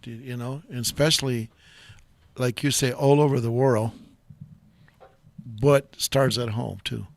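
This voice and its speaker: A man's voice: mid-range voice, steady tone, measured pace, gravelly, pauses often, darkish tone, dry recording. An older man hosting a live talk show, chatting in a rambling, enthusiastic and jokey way.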